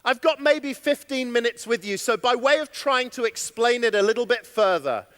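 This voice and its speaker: A man giving an animated conference keynote from a stage, chatting with and questioning his audience. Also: extremely high pitch, normal speed. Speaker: keynote speaker. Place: stage in a large hall. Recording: long hall reverb.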